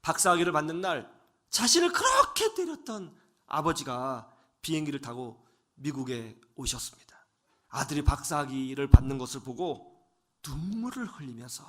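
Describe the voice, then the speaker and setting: A middle-aged male preacher telling a story in a radio sermon, dramatic, dropping at times to hushed whispers. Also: on the high side.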